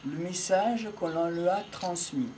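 An older man speaking slowly and reflectively to camera with a handheld mic, seated outdoors in a country field, with faint birdsong behind. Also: sits high, dark tone, slight background noise. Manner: measured, pausing often, philosophical. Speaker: speaker on voice and communication. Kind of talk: slow reflective monologue to camera. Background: faint outdoor ambience with birds.

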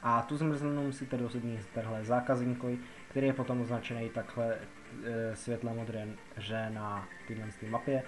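In his rambling game tutorial, a Czech narrator keeps circling back over the same points and leans on filler words. His medium-pitched voice barely varies, music runs behind him, and the recording is rough.

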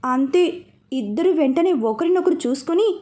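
A woman's voice: high-pitched, lively intonation, moderate pace, dark tone. A woman reading a romance novel aloud, narrating it and speaking every character's lines herself. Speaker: storyteller. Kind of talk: audiobook narration.

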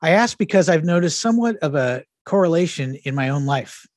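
A man hosting a channel, introducing a guest and reading viewer questions in a calm, plain, scripted way. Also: fairly high pitch, a little fast, dry recording, clean studio sound. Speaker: channel host.

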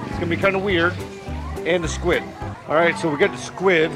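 Crowd noise surrounds a fortyish man hosting a laid-back food challenge vlog on a busy outdoor street while music plays nearby. Speaking briskly in a slightly high voice with fairly even intonation, he comes across as exclamatory and hesitant, recorded on a clip-on lapel mic.

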